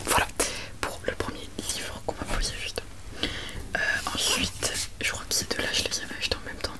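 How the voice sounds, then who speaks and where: A woman presents books in a hushed ASMR library whisper, chatty and rambling with self-mocking asides. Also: normal speed. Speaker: ASMR video creator.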